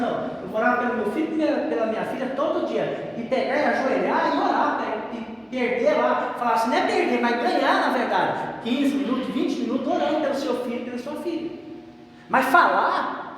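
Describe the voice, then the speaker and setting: A man's voice: very high-pitched, a bit bright, slight background noise. A man preaching a sermon in a conversational way, often tagging his sentences with a questioning "né". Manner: conversational preaching with frequent "né" tags. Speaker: pastor. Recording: echoey hall.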